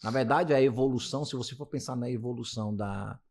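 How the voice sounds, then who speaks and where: Here a Brazilian-accented man in his late fifties talks quickly in a medium-pitched, darkish voice. As a physiotherapist being interviewed, he speaks casually and rambles, restarting many times.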